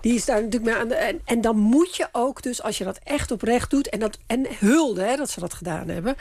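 A woman's voice: a little high, a little fast, darkish tone. A woman who works as a communication adviser, explaining political strategy step by step on a radio panel. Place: radio studio.

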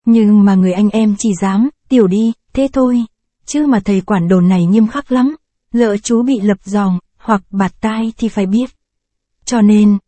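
A woman reading a short story aloud as an audiobook narrator, in measured storytelling with lively phrasing. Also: medium pitch, no room sound.

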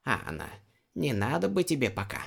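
Man doing a female shaman, gravelly, swooping pitch, scolding and wry. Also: wildly swooping pitch, normal speed, heavily acted. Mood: teasing. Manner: scolding, teasing.

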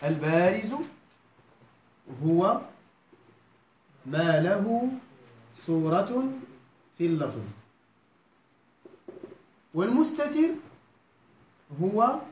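A woman's voice: medium pitch, lively intonation, very slow, long pauses, darkish tone. A woman with a Moroccan Arabic accent teaching a classroom grammar lesson, often quizzing her students with questions.

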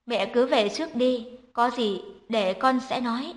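A woman reading the lines of a decisive, strong-willed young woman who speaks gently when comforting a child. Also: on the high side, measured pace, close to an everyday voice. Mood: steady.

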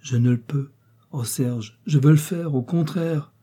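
Brief: man doing a devoted young princess for an audiobook, softly pleading. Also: on the high side, unhurried, slightly rough, voice pushed up. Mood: earnest pleading. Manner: pleading, tender.

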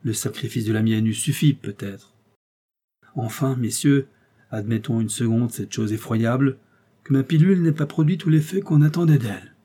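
A man's voice: mid-range voice, warm tone, husky, lightly acted. A man voicing an earnest police detective in an audiobook, speaking in an explanatory, slightly theatrical way. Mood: anguished. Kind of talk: audiobook character reading.

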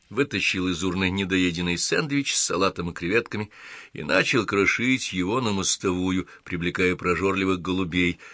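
A man narrating an audiobook in an even, measured reading. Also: low voice, no room sound.

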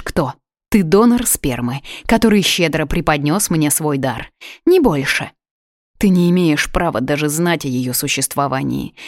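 A woman voicing a distraught young mother who shouts back in rage and tears, in an audiobook reading. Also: low voice, dry recording, clean studio sound.

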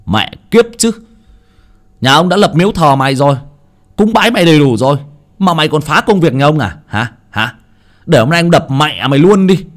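Give me a man playing a furious young man, loud and high. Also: lively intonation, a little fast, close to an everyday voice. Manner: shouting, cursing.

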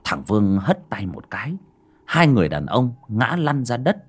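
A man's voice: on the low side, very animated, normal speed, breathy edge. A man narrating an audiobook story in a dramatic manner. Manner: dramatic, varied delivery.

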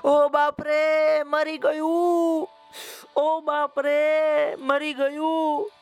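A man voicing a tiny baby ant who wails about a thorn, in a high crying voice. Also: little pitch movement, extremely slow, soft background music, heavily acted. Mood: wailing. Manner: high wailing cries.

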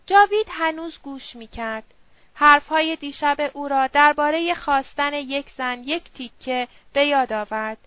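A woman reading an audiobook novel in an even, measured narration. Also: high-pitched, dry recording, lo-fi sound. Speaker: audiobook reader.

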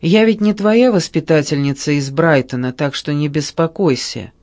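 A man reading aloud and voicing a tense, quick-tempered, ill mother in a storybook, sounding sharp and indignant. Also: on the high side, no echo, lightly acted.

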